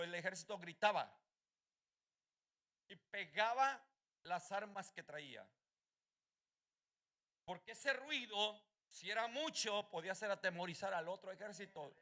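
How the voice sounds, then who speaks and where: High-voiced pastor preaching hard, gravelly, shouts at the crowd a lot. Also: male voice. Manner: fervent preacher, shouting to rally the congregation. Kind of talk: sermon.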